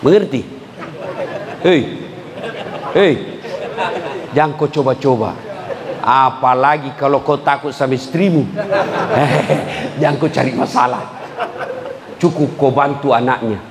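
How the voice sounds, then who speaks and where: A middle-aged man giving a humorous sermon to a live audience, joking and teasing and breaking into sudden shouts. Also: mid-range voice, takes it slowly, pauses often. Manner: lively, joking, jumps to sudden shouts, teases listeners. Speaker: preacher. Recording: echoey hall with faint crowd ambience.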